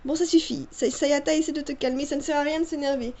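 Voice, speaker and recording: A woman reading the lines of a calm, gentle mother who soothes her family in a homemade fan story. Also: high voice, fast, close to an everyday voice. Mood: soothing. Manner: soothing, reasonable.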